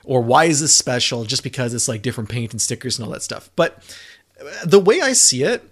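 A man's voice: medium pitch, big pitch swings, brisk, husky. Chatty man talking cars on a podcast. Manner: enthusiastic, rambling with restarts and fillers. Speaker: car reviewer, podcast co-host. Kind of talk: casual podcast chat.

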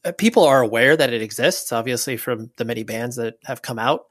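Male podcast host from California; thoughtful winding questions, dry studio sound, mid pitch. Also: fairly quick, a bit bright, no room sound. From California, USA. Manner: articulate, long winding questions. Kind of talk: casual interview chat.

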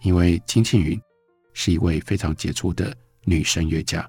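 A man with a Taiwanese Mandarin accent speaking as a public radio host, presenting books in a measured, expressive way. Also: deep voice, slightly rough, dry recording, faint music behind. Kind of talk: public radio host book talk, reading excerpts aloud. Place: radio studio.

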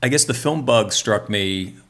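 Man, middle-aged, from Maryland, very low voice, chatty, laughs easily, interview guest. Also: unhurried, a bit bright. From Maryland, USA. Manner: chatty, laughing, many fillers. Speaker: screenwriter guest. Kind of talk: casual interview chat.

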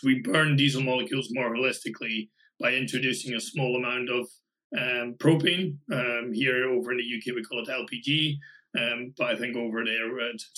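A man with a Scottish accent chats as a guest on a podcast, talking loosely with plenty of "um"s and restarts. His voice sounds bright and forceful. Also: mid-range voice, low-quality recording. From Scotland. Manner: chatty, many fillers and restarts. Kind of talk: casual podcast interview.

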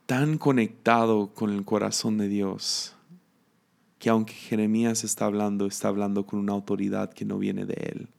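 A man's voice: on the low side, level tone, normal speed, vocal fry. A man with a Mexican accent, teaching a conversational sermon in a reflective, chatty way. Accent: Mexican Spanish. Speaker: preacher.

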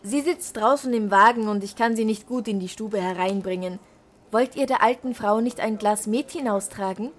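A woman's voice: mid-range voice, normal speed, pitched above the performer's own voice, close to an everyday voice. A woman voicing a sly young peasant man who talks in a crafty, persuasive way. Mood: scheming.

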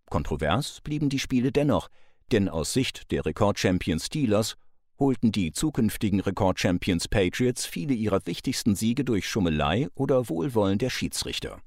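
A man giving scripted documentary narration in a measured, dramatic way, with dry studio sound. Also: lowish voice, a little mellow, no echo. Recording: dry close studio voice-over.

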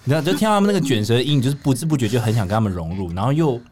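A man's voice: mid-range voice, lively intonation, a little mellow, husky. A man with a Taiwanese Mandarin accent, chatting as a podcast co-host and retelling sales calls while mimicking the people he quotes. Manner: rapid, acts out quoted callers. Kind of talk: casual chat, storytelling.

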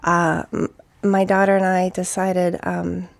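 Slow, gravelly-voiced shaken woman. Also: lowish voice, flat delivery, dry recording. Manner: halting, shaken, hushed. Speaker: eyewitness interviewee. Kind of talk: reading a personal journal aloud, then interview. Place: her home TV room. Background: music.

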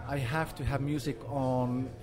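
Speaking at a measured pace, this man's medium-pitched voice barely rises or falls. He's a guest artist in his forties, from Finland but brought up in Sweden, talking informally in an interview with plenty of fillers.

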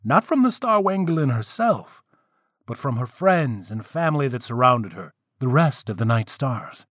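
A man's voice: mid-range voice, sing-song, normal speed, a bit bright, no echo, clean studio sound. A man telling a myth in a playful, wry way, with casual asides to the listeners. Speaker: storyteller. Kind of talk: casual storytelling narration of myths.

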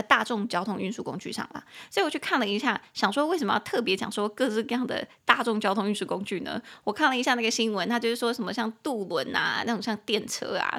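A young woman with a Taiwanese Mandarin accent, hosting a casual podcast lesson, chatty, spelling words out and repeating phrases slowly. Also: medium pitch, fairly bright tone. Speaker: English teacher, podcast host.

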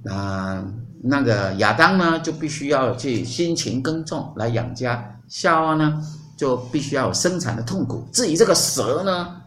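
A man's voice: mid-range voice, lively intonation, measured pace, few pauses, fairly bright tone, soft background music. Playful storytelling man in a roomy recording. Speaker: podcast host. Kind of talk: storytelling in casual chat. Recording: roomy recording with faint hum.

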